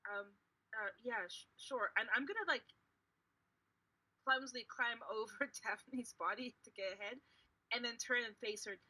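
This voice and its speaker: A woman playing in a tabletop roleplaying game, improvising casually and often halting to search for words. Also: fairly high pitch, steady tone, bright, forceful tone, rough recording.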